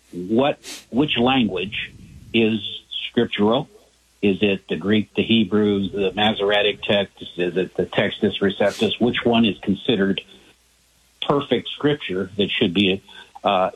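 A man from South Carolina calling in to a radio show, heard through a thin, narrow phone line. His voice sits low and a little husky, and he sets out his questions carefully, one point after another. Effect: voice heard over a phone line on the radio. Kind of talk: phoning in to a call-in radio show.

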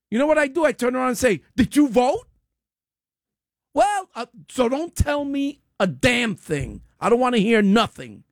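Gravelly, scolding New radio host. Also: male voice, extremely high pitch, dry recording, studio quality. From Dominican Republic. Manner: emphatic, scolding, punchy short phrases. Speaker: radio talk show host. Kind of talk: opinionated talk radio monologue. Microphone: studio microphone.

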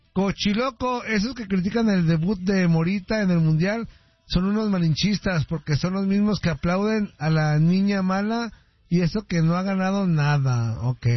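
A man's voice: sits high, moderate pace, no room sound. A Mexican man hosting a call-in radio show, reading listener messages with joking, teasing banter. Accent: Mexican Spanish. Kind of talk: casual call-in radio chat. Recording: dull, dry radio sound.

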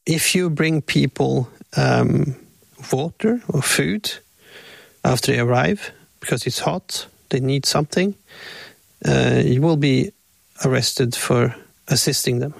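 A male aid volunteer answering interview questions in halting speech with many fillers, not an English speaker. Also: mid-range voice, creaky, no echo.

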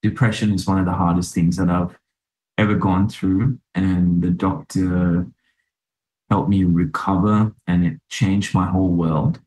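A man's voice: deep voice, little pitch movement, measured pace, a little mellow. A man in his thirties from Sri Lanka, a doctor and podcast guest, speaking reflectively in conversation. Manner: reflective, with many fillers and restarts. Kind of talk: interview conversation. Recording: roomy echo.

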